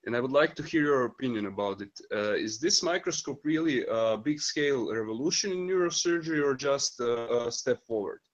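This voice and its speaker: Hesitant, polite male interviewer, mid-pitched. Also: lively intonation, brisk, hardly any pauses, muffled recording. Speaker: interviewer, questioner.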